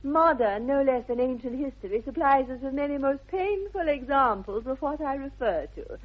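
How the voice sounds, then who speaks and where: Lively in intonation and at normal speed, her voice sits high as she portrays a haughty, candid young lady of the aristocracy. The 1960s radio comedy of manners, captured in a dull vintage recording, has her speaking with an upper-class English accent and affected, exact politeness.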